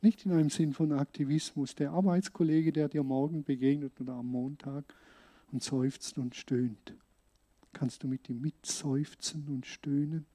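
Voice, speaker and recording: A man from Switzerland, preaching a sermon as a pastor in an earnest, conversational way with emphatic pauses. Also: fairly high pitch, steady tone, dark tone.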